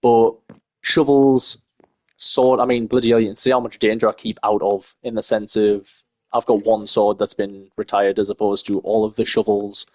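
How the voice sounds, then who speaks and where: A man's voice: fairly low pitch, little pitch movement, normal speed, darkish tone. A young man chatting casually over his gameplay, rambling and losing his thread mid-sentence. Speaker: gaming YouTuber.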